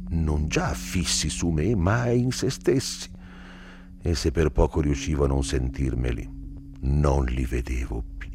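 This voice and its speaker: A man giving a theatrical literary reading, sinking into whispers and then swelling louder. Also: extremely low pitch. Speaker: reader.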